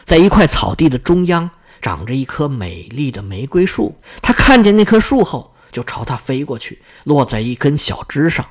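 A man reading a fairy tale aloud as storyteller, expressive and dramatic. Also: mid-range voice, moderate pace, hardly any pauses, breathy edge.

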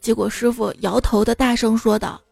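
A woman's voice: on the high side, little pitch movement, normal speed, creaky, a little mellow, no room sound, clean studio sound, faint music behind. A woman radio host telling cold jokes in a playful storytelling manner, briefly putting on voices for her characters.

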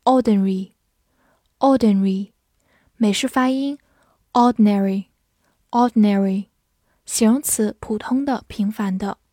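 A woman leads a recorded vocabulary lesson in a slightly raised voice. She takes her time, saying each word slowly and twice over for learners. The sound is close and dry, with no room echo. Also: on the high side, darkish tone. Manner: slow, careful, repeats each word for learners. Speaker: English vocabulary teacher.

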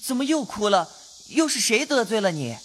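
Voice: mid-range voice, sing-song, moderate pace, fairly bright tone. A voice actor playing an earnest, impulsive young nobleman who speaks in a pleading way, in an audio drama.

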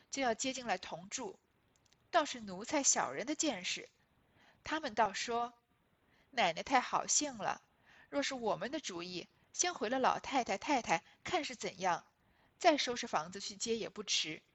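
A woman reads as a shrewd, sharp-tongued young noblewoman who plays the wronged party with pointed, emphatic delivery. Her voice sits fairly high with a breathy, husky edge, and the classical dialogue comes out loud and pressing. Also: exaggerated voice. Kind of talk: reading a classic novel aloud.

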